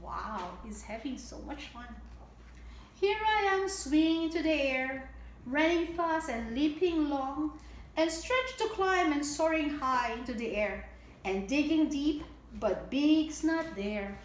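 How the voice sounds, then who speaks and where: A middle-aged woman hosts story time, reading a picture book aloud with lots of expression and explaining things simply for young children. Her high, animated voice moves slowly. She's in an indoor room at home with a table, and the recording is echoey with audible background noise.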